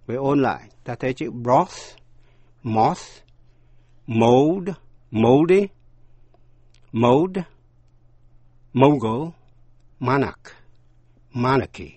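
Male teacher, husky, unhurried, spells words letter by letter, dry close sound. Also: mid-range voice, expressive, a little mellow, no echo. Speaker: English teacher. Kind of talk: scripted pronunciation lesson.

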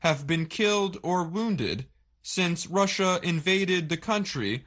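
A woman reading a scripted news story for language learners, deliberately, in short phrases with pauses. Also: fairly low pitch, sing-song. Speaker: narrator of a simple English news story. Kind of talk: slow scripted learning-English narration.

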